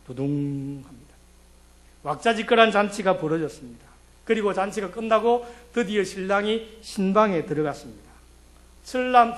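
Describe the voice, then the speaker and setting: A man's voice: high-pitched, a bit bright. A male pastor preaching a sermon, telling a story and asking the congregation rhetorical questions.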